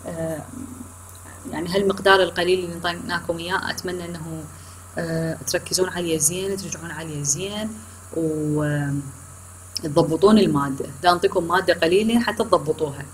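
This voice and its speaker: A woman's voice: on the low side, steady tone, fast talker, slight background noise, poor audio. A woman with an Iraqi Arabic accent gives a recorded online lecture to her students. She mixes English terms into her explanations, corrects herself often and checks in with questions. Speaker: university lecturer.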